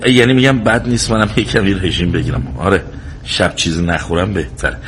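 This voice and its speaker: A man performing a tired middle-aged husband and father in a domestic drama. His voice sits low and he tends to mutter, then flares into loud anger. A grumbling, exhausted family man. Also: steady tone, background noise, lightly acted. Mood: weary, muttering. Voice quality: low mutter at rest, loud shouts when angry. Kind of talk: TV drama acting.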